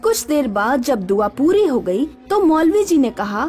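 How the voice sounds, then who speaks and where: A woman telling a scripted horror story in a lively, expressive way. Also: sits high, unhurried, faint music behind.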